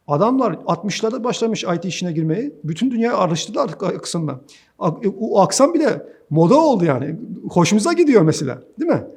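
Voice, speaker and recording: Brief: male IT instructor, higher-pitched voice, chatty and animated, preaching advice straight to camera. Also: breathy edge. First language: Turkish. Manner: animated, preachy, chatty, addresses listeners as friends. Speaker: IT course instructor. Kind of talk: direct-to-camera advice talk.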